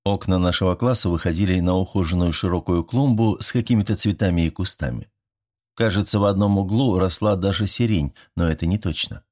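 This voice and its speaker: A man's voice: deep voice, darkish tone. A man narrating a first-person audiobook in a dry, wry manner with ironic asides.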